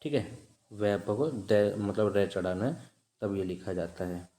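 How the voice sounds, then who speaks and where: Low-voiced man explaining test answers. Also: mellow, roomy sound. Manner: measured, repeats answers with frequent "ठीक है" checks. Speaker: exam-prep teacher. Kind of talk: reading out and explaining test questions.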